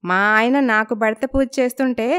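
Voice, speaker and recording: A woman's voice: a little high, moderate pace, clear, resonant tone. A woman voicing a cheeky, playful young bride-to-be who talks back to an old neighbor. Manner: cheeky, sharp-tongued, playful. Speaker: voices young heroine.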